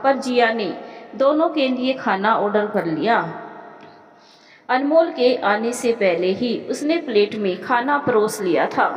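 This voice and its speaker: A woman narrating a moral family story in a steady, dramatic storytelling manner. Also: a little high. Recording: echoey room with long reverb.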